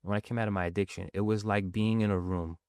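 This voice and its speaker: Raised in a Sicilian family and bilingual, with Sicilian as his native language, a man appears as a guest discussing addiction recovery earnestly and casually, often tagging phrases with "right?". He talks fast in a low, steady, darkish but clean voice, with no room sound.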